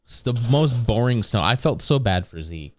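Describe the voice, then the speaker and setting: A man's voice: medium pitch, expressive, moderate pace, noisy background. A man streaming live, chatting casually and rambling with his viewers, chuckling often as he goes.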